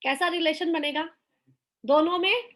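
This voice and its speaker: A woman's voice: extremely high pitch, unhurried, fairly bright tone. A middle-aged woman teaching a live online class who keeps putting questions to her listeners and acts out everyday quarrels as she explains. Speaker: motivational teacher.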